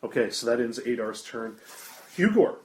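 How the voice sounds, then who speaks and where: A man serves as game master, narrating attacks and ruling on actions at a mid-pitched, even voice. He sounds roomy, picked up at a table with room echo around him. His manner is descriptive and rules-minded. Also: moderate pace, a little hiss or hum.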